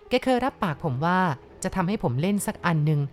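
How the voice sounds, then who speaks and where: Woman storyteller, first-person ghost story, steady measured narration, lowish voice. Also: slight background noise.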